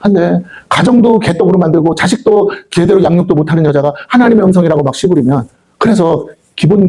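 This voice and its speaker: Guy preaching fast at a prayer meeting, fired up, voice jumping all over, dark husky tone, asks the crowd questions nonstop. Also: on the high side. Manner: animated preaching, rhetorical questions, acting out quoted voices. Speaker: pastor. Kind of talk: sermon. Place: prayer house meeting hall.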